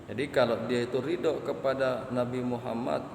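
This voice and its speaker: A man preaching a sermon, repeating phrases slowly and chanting Arabic passages. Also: mid-range voice, steady tone, creaky, background noise. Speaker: Islamic preacher. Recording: echoey hall, faint ambience.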